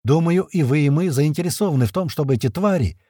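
A man voicing a calm, composed colonel. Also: a little high, husky, no echo, studio quality, pitched above the performer's own voice. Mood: calm, persuasive. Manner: measured, persuasive, level-headed. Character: calm composed male colonel from another world.

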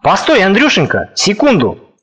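A man's voice: high voice, wildly swooping pitch, unhurried, fairly bright tone, lo-fi sound, heavily acted. Fussy anxious old professor, as a male reader puts him on. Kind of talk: audiobook character reading.

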